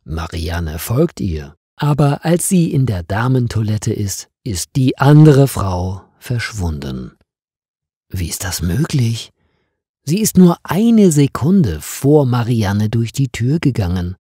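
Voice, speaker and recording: A man narrating a mystery story slowly and clearly, with lively intonation, for learners. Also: medium pitch, no echo, studio quality. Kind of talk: slow scripted story narration for language learners.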